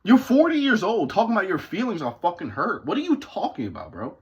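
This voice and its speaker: A man's voice: sits high, huge pitch swings, quick pace, slightly rough, muffled recording. A man in his twenties delivering a profane, confrontational motivational rant at home, swearing constantly. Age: 20s. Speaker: vlogger. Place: his parents' house.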